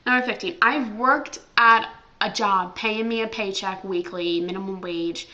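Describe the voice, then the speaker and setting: A woman's voice: mid-range voice, measured pace, bright, forceful tone, lo-fi sound. A young American woman vlogging casually at home, chatty and full of ums and likes. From United States. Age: young adult. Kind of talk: casual chat.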